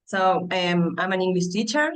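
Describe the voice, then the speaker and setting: A woman's voice: lowish voice, animated, moderate pace, poor audio. A woman from Argentina, an English teacher, introducing herself casually over a video call. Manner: casual, loose phrasing.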